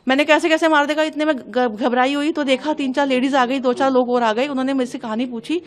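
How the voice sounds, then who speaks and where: A woman's voice: high-pitched, steady tone. A young woman giving an urgent, agitated account of an incident to a news reporter. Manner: urgent, agitated, hurried retelling. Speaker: interviewee recounting an incident. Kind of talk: emotional news testimony.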